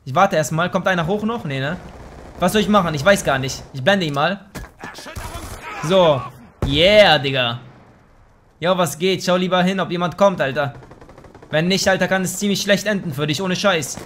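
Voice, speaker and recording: Slangy, high-voiced young gamer guy. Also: normal speed, pauses often, slight background noise. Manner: slangy, swears and trash-talks; excitable outbursts. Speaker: let's play host. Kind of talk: casual gameplay commentary.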